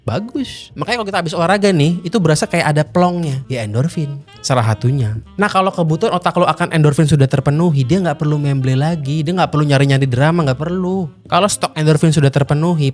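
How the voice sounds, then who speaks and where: A man hosting a casual commentary, blunt and mocking in manner. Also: fairly high pitch. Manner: blunt, mocking, animated slang-heavy talk. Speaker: host. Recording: faint music underneath.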